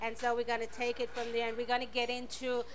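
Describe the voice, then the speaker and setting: A woman's voice: fairly high pitch, monotone, quick pace. A woman hosting a live community radio talk show, thanking sponsors and welcoming guests to an audience.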